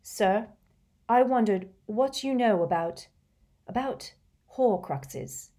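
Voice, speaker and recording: Woman doing a teenage boy, polite, hesitant, slightly raised pitch. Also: expressive, slow, mellow. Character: earnest teenage boy student, polite and guarded.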